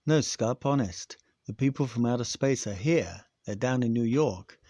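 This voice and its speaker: A man voicing an excitable, boastful schoolboy who eagerly tells news to his friends. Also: medium pitch, moderate pace, no room sound, clean studio sound, lightly acted. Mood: excited.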